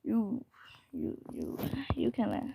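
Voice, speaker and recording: A woman giving casual game commentary, calling herself dumb and swinging from whispers to sudden yells. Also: on the high side, lively intonation, slow, creaky. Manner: self-mocking, jumpy, drops into whispers and sudden yells. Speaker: gamer.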